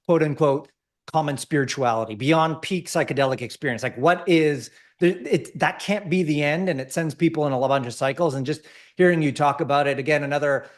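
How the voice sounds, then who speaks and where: A man's voice: a little high, brisk. A man hosting a podcast interview, chatty and enthusiastic. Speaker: podcast host.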